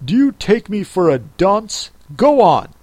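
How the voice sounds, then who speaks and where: A man doing a sharp, bossy storybook king. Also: high voice, big pitch swings, slow, no room sound, voice pushed up, heavily acted. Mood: imperious. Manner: sharp, commanding. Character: pompous impatient male king.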